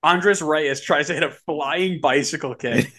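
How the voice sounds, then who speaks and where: A man co-hosting a casual soccer podcast, telling stories in an animated way, his pitch climbing as he gets excited. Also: measured pace. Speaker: podcast co-host.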